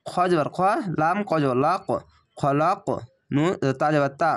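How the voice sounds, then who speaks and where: Male reading teacher, patient letter-by-letter spelling, drawn-out recitation, slightly high voice. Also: steady tone. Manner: spells letters and vowel marks, then recites words slowly and drawn out.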